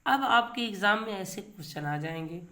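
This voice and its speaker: A man teaching English grammar in a classroom-style lecture. He keeps quizzing his listeners with rhetorical questions, repeats key words, and reads example sentences slowly and with emphasis. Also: sits high, animated, pushed and bright.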